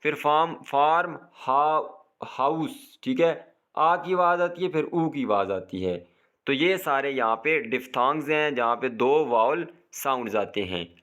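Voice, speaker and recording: A man teaching a lesson, reading English sentences slowly and explaining each one at length. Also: mid-range voice, a bit bright, lo-fi sound. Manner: slow, deliberate reading of English lines with repeated rephrasings.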